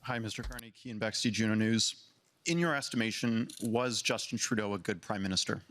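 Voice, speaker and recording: Male reporter, lowish voice, confrontational follow-up questions. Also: fairly quick, a bit bright. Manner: pressing, confrontational. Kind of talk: pointed press questions.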